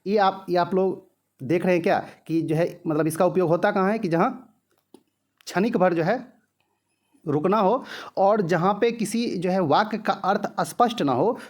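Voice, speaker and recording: Male tutor, slightly higher voice, filler-heavy explainer, asks and answers his own questions. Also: darkish tone. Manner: heavy use of filler "jo hai", rhetorical questions answered himself; repeats example sentences slowly. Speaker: teacher. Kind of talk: exam-prep grammar lesson.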